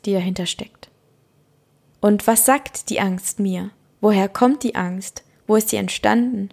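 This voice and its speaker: A young woman speaking calmly and earnestly in a reflective self-help monologue, thinking aloud with pauses. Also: mid-range voice.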